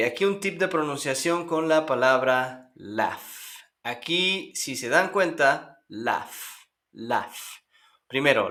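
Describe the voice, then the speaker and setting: A man teaching an online English lesson, modeling example sentences slowly and deliberately for learners to repeat. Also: medium pitch, sharp tone.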